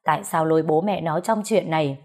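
Low-voiced woman narrating a story. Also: brisk, darkish tone.

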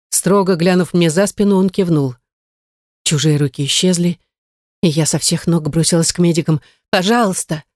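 A woman's voice: on the low side, a little mellow, no room sound. A woman reading a first-person novel in a tense, dramatic way into a close studio mic. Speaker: audiobook narrator.

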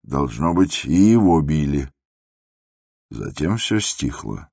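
A male narrator reads a literary drama in a measured, grave way. His voice is extremely deep, and the recording is dry and close. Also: big pitch swings, gravelly, a little mellow, husky, no echo.

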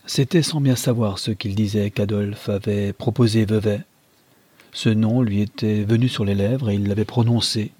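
A man narrating a classic novel as an audiobook in a calm, measured way. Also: fairly low pitch, breathy edge, no echo. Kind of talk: scripted literary narration.

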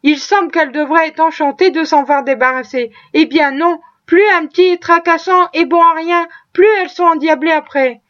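A woman's voice: sits high, fairly even intonation, moderate pace, few pauses, dull audio, close to an everyday voice. Woman reading as a wheedling slave trader. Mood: lamenting. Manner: whining, wheedling. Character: slave trader Haley, scheming middle-aged man.

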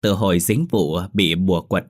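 A man narrating a ghost story in a measured, somber way. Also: deep voice, no room sound, studio quality. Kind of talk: horror audiobook narration.

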